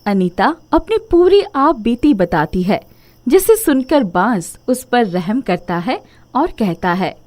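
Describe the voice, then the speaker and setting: A woman narrating an animated moral story in a scripted, expressive storytelling manner. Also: fairly high pitch, slow.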